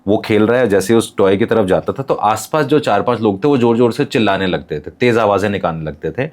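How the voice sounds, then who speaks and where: A man's voice: fairly low pitch, brisk, darkish tone. A man as a podcast guest, explaining ideas with examples and English terms.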